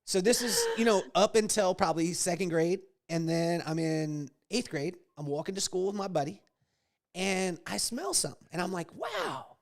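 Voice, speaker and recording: A man's voice: sits high, normal speed, vocal fry. Man hosting a loose, chatty interview. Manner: loose, storytelling, restarts his questions. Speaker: podcast host. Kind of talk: casual interview chat.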